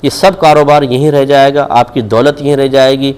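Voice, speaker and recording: A man's voice: medium pitch, flat delivery, a little mellow, clean tone. A man with a Pakistani Urdu accent answering religious questions on a live TV show, speaking firmly and admonishingly with rhetorical questions.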